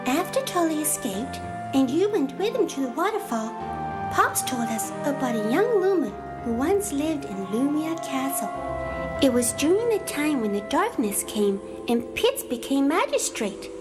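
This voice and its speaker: A woman voicing an earnest, tender young girl with wide-eyed, expressive storytelling in a children's audio drama. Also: high voice, moderate pace, music in the background. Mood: sad storytelling.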